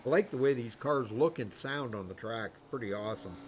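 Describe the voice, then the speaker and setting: At a racetrack commentary booth, a man calls a race live in a rambling, folksy style packed with fillers. His medium-pitched voice moves a little fast, with slight hiss or hum in the audio.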